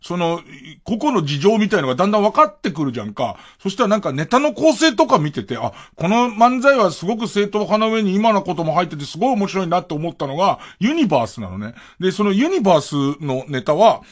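A man's voice: high voice, big pitch swings, fast talker, hardly any pauses. A man hosting a late-night radio show, rambling casually and thinking aloud with chuckling asides. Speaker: radio host.

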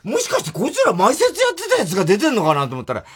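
A middle-aged man in casual comedy banter, his pitch leaping all over as he retells backstage stories at a quick clip. He slips into acted quotes and laughs as he talks. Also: huge pitch swings, fairly bright tone, slightly rough. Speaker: comedy duo member, radio co-host.

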